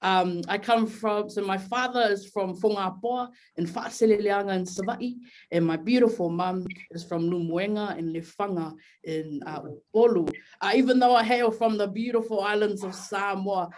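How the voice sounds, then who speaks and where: A bubbly woman chats on an online panel. Her voice sits at an ordinary middle pitch, cheerful and easygoing. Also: normal speed, a little mellow, low-quality recording. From New Zealand. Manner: upbeat, bubbly, laughs easily. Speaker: panelist, developer evangelist. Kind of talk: casual panel talk. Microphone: video call.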